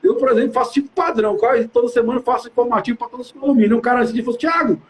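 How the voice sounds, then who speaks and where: A man's voice: extremely high pitch, fairly even intonation, rapid-fire, a little hiss or hum. A man from Brazil, a building manager, chatting animatedly and casually on a live stream, slangy and talking straight to his audience.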